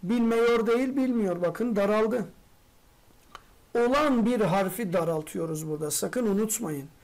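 A teacher giving an exam-prep grammar lesson, posing quick rhetorical questions, answering them, and addressing the students familiarly as friends. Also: medium pitch, a little mellow.

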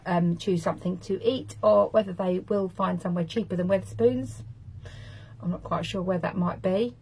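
Woman, husky voice, mid pitch, gossipy vlog chat, swears for laughs. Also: darkish tone, low-quality recording. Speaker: vlogger. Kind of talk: casual storytelling to camera.

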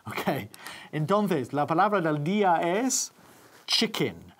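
A woman's voice: low-pitched, big pitch swings, takes it slowly, slightly rough. A woman presenting a TV English lesson, patiently repeating words and phrases for viewers to practice. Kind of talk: bilingual TV language lesson.

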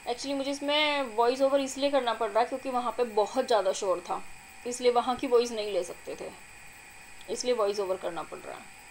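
A young adult woman, a vlogger and mother, narrating her family video in a chatty, doting, excited voice-over. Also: on the high side, brisk, a little hiss or hum, poor audio. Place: recorded apart from the filmed scene.

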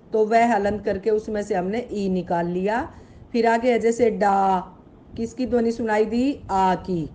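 A woman's voice: medium pitch, mellow, slight background noise. A woman teaching Sanskrit in an online grammar lesson. She patiently spells out sounds, asks her pupils questions and calls them beta. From Haryana, India.

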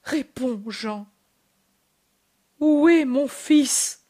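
Woman voices anguished gentle mother, soft short phrases, slow, somewhat high voice.

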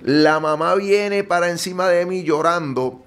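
A man's voice: high-pitched, measured pace, a bit bright. A man with a Puerto Rican accent, telling his personal testimony earnestly in an interview and checking in with frequent tag questions. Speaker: guest giving testimony.

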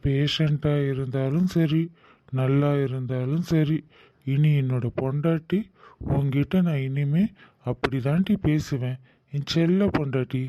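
A man's voice: fairly high pitch, a little slow, dry recording, natural voice. A man voicing a young husband in a cartoon drama, earnest and apologetic at heart and doting toward his wife. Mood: playful. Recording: dull, dry lo-fi recording.

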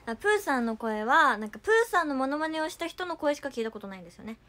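A woman's voice: sits high, very animated, fairly bright tone. Giggly young woman chatting on a livestream. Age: young adult. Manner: playful and giggly, trying quick cartoon impressions. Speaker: idol streamer reading viewer comments. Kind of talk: casual livestream chat.

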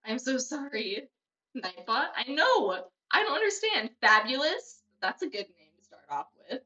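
A woman's voice: sits high, big pitch swings, moderate pace, bright, forceful tone, far from the mic. A woman hosting a casual game stream, chatty and giggly as she guides another player. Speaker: streamer host. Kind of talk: casual gameplay stream chat. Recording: dull lo-fi stream audio, off mic, faint music.

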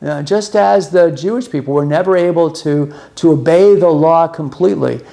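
A man in his sixties hosts a podcast, delivering a Bible teaching monologue in earnest, plain language at a moderate pace. His warm voice sits a bit higher than most men's, has vocal fry, and often restarts words mid-thought. A desk camera records him in a small room with music gear behind him.

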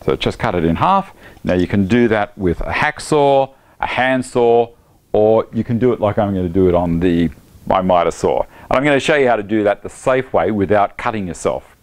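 A woodworking channel host in his fifties, with an Australian accent and a voice on the low side, chats casually at a moderate pace while demonstrating a job in his home workshop. Wearing a lapel mic, he is relaxed and chatty, laughing and using Aussie slang.

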